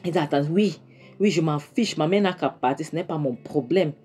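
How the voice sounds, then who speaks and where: Brief: defiant young woman, played by a woman, dismissive and stubborn, low voice. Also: brisk, mellow, breathy edge, faint music behind.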